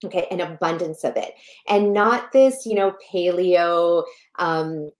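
A middle-aged woman speaks with a fairly low, even voice and strong emphasis, pressing her points. She is a guest on a podcast, talking through a headset from a room at home. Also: a little slow. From born in Malawi, raised in Canada. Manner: emphatic, passionate, gestures while talking. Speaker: guest, health educator. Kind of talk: podcast interview. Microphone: headset over a video call.

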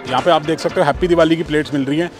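Holding his phone at arm's length, a vlogger in his thirties chats to camera as he moves through a large supermarket calling out prices. He speaks rapid-fire in a steady, slightly high voice, and music plays underneath.

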